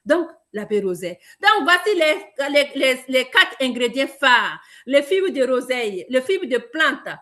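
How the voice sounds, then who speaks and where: Woman from Burkina Faso, high voice, emphatic sales trainer talking straight to the audience. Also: measured pace, few pauses. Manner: lively, emphatic, addresses listeners directly. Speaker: product presenter.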